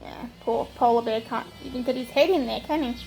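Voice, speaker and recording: High-voiced sweet old lady reading a storybook. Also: brisk, slight background noise, rough recording. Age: older. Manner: animated, expressive reading. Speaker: grandmother reading to grandchildren. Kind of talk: storybook read-aloud with chatty asides.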